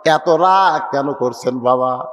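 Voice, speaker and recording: A man voicing a meek, dutiful grown son who pleads softly with his father and wife in a sermon story. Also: mid-range voice, slow, voice pushed down. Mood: pleading. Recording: long hall reverb.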